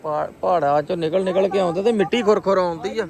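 A man's voice: sits high, fast talker, vocal fry, a little mellow. A man chatting informally as a vlogger to viewers and a companion outdoors. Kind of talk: casual village vlog chat.

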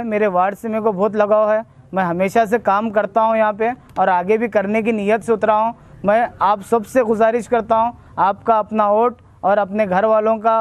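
Guy with a pretty high voice, local candidate pleading for votes, formal and earnest. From India. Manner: earnest, repetitive appeals in formal Urdu-laced speech. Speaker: ward election candidate. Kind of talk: campaign interview and vote appeal.

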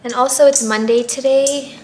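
Repotting plants at an indoor table, a young female plant vlogger talks in a high, fairly even voice at normal speed, a little mellow, with slight hiss or hum on the audio. Her voice is stuffy, nasal and partly gone from congestion, and her chatty, self-doubting talk is packed with fillers and murmured asides.

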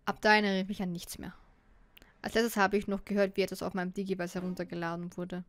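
A woman's voice: mid-range voice, little pitch movement, quick pace, dry recording, close to an everyday voice. A woman reading a young male hacker's self-mocking inner monologue in a game, with a storytelling manner. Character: young male hacker narrating his inner thoughts, wry.

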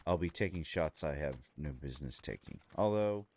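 A man streaming a shooter game live, thinking aloud as he loots, excitable, with his voice jumping up high at times. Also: normal speed, a little hiss or hum. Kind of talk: live gameplay commentary.

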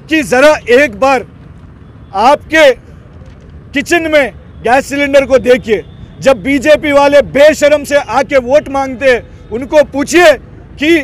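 A man, giving a fiery, emphatic protest speech into a handheld news mic on a busy road. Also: extremely high pitch. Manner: fiery, emphatic political speaking with hand gestures. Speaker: party activist at a protest. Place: busy city road outdoors with a crowd and traffic. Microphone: handheld news channel mic held close. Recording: crowd chatter and street traffic behind.

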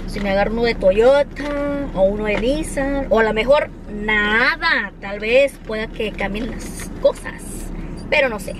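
Mexican woman, casual vlog, chatty, baby talk to pets, slightly high pitch, handheld phone outdoors. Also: noisy background. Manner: chatty, talks to her dogs in squealy baby talk. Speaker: vlogger. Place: in a car, then outdoors in a sunny yard.

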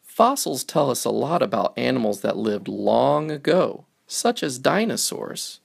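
With a gravelly, very creaky voice, a man reads aloud from a children's picture book, his pitch moving animatedly over the simple lines. He lingers on each phrase at a slightly slow pace.

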